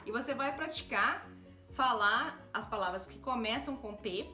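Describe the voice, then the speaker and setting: A Brazilian woman with a Brazilian Portuguese accent, giving a casual video lesson as an English teacher. She deliberately exaggerates sounds to demonstrate them and keeps checking in with her viewers. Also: a little high, expressive. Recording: roomy echo with faint background music.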